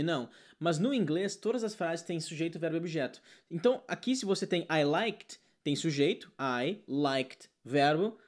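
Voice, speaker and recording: A man teaching an online English lesson, talking in an energetic, excitable way. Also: a little high.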